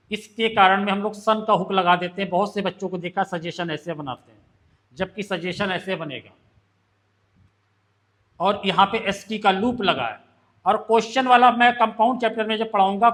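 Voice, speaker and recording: High-voiced shorthand teacher. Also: male voice, fairly bright tone. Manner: explains step by step, asks students questions. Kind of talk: classroom lesson.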